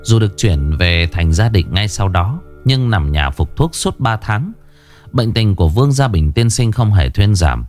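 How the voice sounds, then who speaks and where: A man narrating a historical folk tale in a steady, expressive storytelling voice. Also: lowish voice, measured pace, faint music behind.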